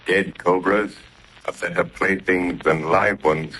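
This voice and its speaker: An actor playing the Shadow, a calm, mocking unseen avenger, in a 1930s radio drama. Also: male voice, low-pitched, slow, slightly rough, heavily acted, low-quality recording. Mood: cool, mocking. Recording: old 1930s radio broadcast.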